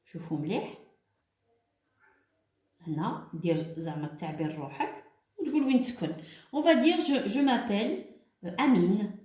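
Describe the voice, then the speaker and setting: Woman teacher, Algerian accent, patient step-by-step explaining, slow dictation, roomy echo. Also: mid-range voice, very animated, a little mellow. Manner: switches between French and Arabic, explains step by step; slow, deliberate dictation of words. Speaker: primary school teacher. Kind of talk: homework lesson for children.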